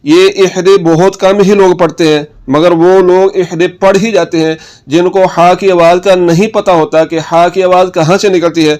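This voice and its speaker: A man teaching Quran recitation rules, patiently repeating each word slowly for practice. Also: sits high, fairly even intonation, darkish tone. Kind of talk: tajweed lesson.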